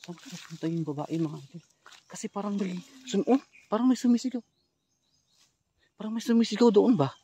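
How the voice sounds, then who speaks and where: A man from the Philippines vlogging a ghost hunt outdoors in a rural wooded spot, switching between loud calls and low hushed murmurs. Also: animated, fairly quick, pauses often, husky. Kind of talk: hushed exploring vlog commentary.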